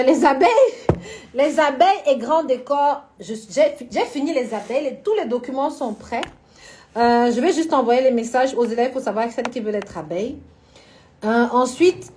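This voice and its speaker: Fairly high in pitch but dark in tone, a woman hosts a casual live stream with a faint hiss or hum in the recording. She works as a florist and event decorator, discusses business openly, answers viewers by name, and frequently laughs.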